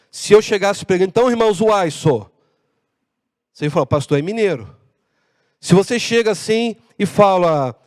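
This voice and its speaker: Brazilian male pastor, animated sermon, close dry voice with reverb tail of a large church. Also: high-pitched. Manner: animated preaching with acted-out dialogue. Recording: long hall reverb.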